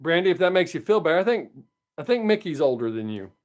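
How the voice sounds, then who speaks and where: A man's voice: on the high side, big pitch swings, fast talker. A man in his late fifties hosting a casual livestream, chatting upbeat with viewers and answering them by name. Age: 50s. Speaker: livestream host. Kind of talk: casual chat with live viewers.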